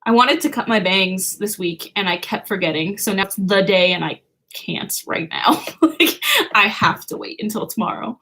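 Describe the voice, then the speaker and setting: Bright and forceful, her mid-range voice moves at normal speed as she chats casually with viewers. The young woman is hosting a birthday livestream from her home, giggling often and filling her speech with "like."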